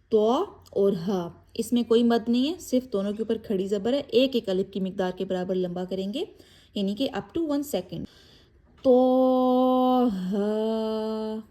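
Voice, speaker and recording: Lady teaching quran recitation step by step, somewhat high voice, warm and mellow, draws out the letters long. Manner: explains briefly then recites letters slowly with long drawn vowels; mixes English words into explanations.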